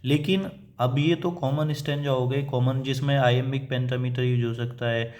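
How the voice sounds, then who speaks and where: A man delivers a patient, classroom-style lecture. He explains each point step by step, pausing on fillers. He switches between Hindi and English teaching terms. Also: medium pitch, steady tone, darkish tone. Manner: reads quoted English lines slowly and deliberately. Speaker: assistant professor teaching English poetry.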